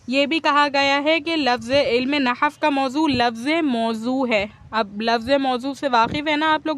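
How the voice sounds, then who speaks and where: A woman giving a patient grammar lesson, often pausing to check that students follow. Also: high-pitched, a bit bright. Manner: patient, keeps checking understanding with "okay?". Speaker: teacher of Arabic grammar. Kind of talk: explanatory classroom lecture.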